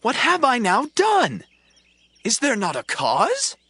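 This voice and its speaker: An actor playing a bold, devout young shepherd in a dramatized scripture reading, declaiming with passion. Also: male voice, extremely high pitch, wildly swooping pitch, takes it slowly, bright, forceful tone, husky, no room sound, full character voice. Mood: indignant.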